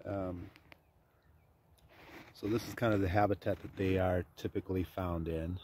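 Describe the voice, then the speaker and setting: A man's voice: low voice, steady tone, normal speed, darkish tone, slight background noise. A man vlogging from his farm, talking casually and rambling with many ums and uhs. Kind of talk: casual chat to camera.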